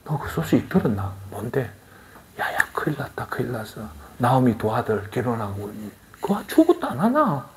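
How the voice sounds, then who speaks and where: Eager, scornful village gossips trade news in a hushed, conspiratorial murmur, as a man preaching puts them on. The voice carries a Gyeongsang lilt and swings widely in pitch between whispered asides and sharp exclamations. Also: huge pitch swings, fairly quick, few pauses, slight background noise. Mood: gossipy. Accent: Gyeongsang Korean.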